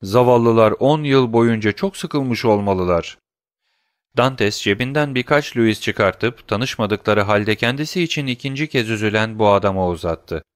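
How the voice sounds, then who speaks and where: A man narrating an audiobook in a calm, steady reading manner. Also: fairly low pitch, a little slow, no echo, clean studio sound.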